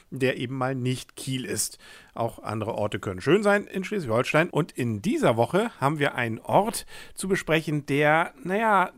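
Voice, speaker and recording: Chatty German radio podcast host. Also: male voice, mid-range voice, dry recording. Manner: chatty, wry asides. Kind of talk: scripted local history talk.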